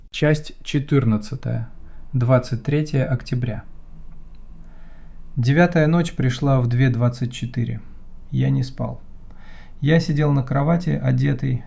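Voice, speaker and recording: Gravelly dark-voiced man narrating horror. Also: mid-range voice. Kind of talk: scripted horror story narration.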